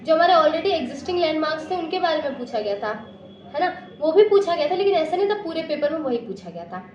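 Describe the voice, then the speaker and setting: A woman's voice: high-pitched, sing-song, brisk, a little mellow, muffled recording. A young woman giving exam preparation advice in a casual, earnest way, often slipping English phrases into her talk. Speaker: exam prep guide. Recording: echoey room with faint ambient noise.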